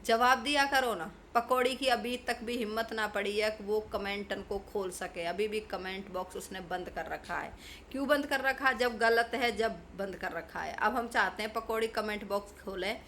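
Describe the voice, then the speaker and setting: A woman's voice: mid-range voice, moderate pace, a bit bright, a little hiss or hum. A woman vlogger delivering a ranting commentary, scolding and confronting people in a preachy, combative way. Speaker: YouTube vlogger.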